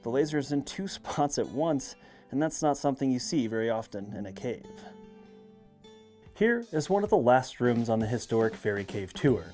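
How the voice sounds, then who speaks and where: A man's voice: mid-range voice, lively intonation, normal speed, a little mellow. A man working as a cave tour guide, narrating a guided tour on location and explaining the sights as he moves along. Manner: explanatory, presenting sights on the move. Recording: music behind the voice.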